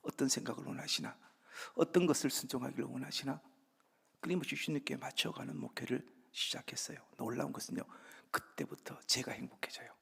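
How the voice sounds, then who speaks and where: A man preaching a sermon as guest pastor, conversational and acting out little dialogues, with soft asides between louder lines. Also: medium pitch, brisk, vocal fry, breathy edge. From Andong, South Korea. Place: church sanctuary. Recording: reverberant church hall.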